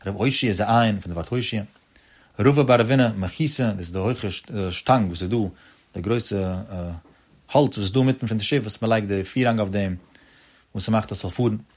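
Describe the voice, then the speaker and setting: A man's voice: on the low side, normal speed. Man lecturing in a lilting sing-song. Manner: addresses listeners directly as friends. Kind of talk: explanatory religious lecture.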